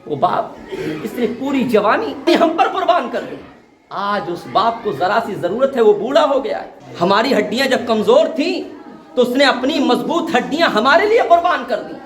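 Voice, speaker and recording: A man's voice: very high-pitched, sing-song. A man delivering an impassioned, pleading religious sermon to a gathering, calling his listeners his dear ones. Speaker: preacher. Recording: echoey hall.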